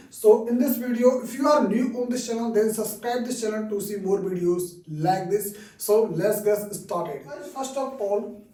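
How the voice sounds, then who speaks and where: Slow, mellow Indian English teacher. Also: male voice, high-pitched. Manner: repeats phrases, frequent "okay" checks. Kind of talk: slow explanatory lesson. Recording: roomy echo, distant mic.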